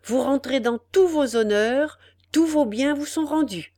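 A woman's voice: high-pitched, unhurried, a little mellow, voice pushed up. Woman reading a formal kindly general.

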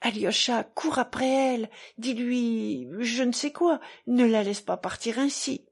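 A woman's voice: on the high side, a little slow, slightly rough, voice pushed up. A woman reading as a venomous, bitter young woman. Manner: venomous, contemptuous. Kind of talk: audiobook reading.

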